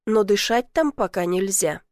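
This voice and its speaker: A woman voicing a brave young man who speaks firmly and gently. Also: medium pitch, lively intonation, normal speed, dry recording, studio quality, lightly acted. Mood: calm. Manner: firm and gentle. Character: steady, brave young man, calm and protective.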